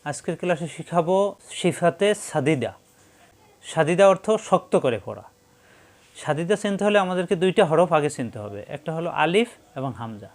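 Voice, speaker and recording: A male teacher giving a spoken Quran recitation lesson, slowly repeating syllables for students to copy. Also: on the high side, sing-song. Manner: slow, repeats syllables for drilling.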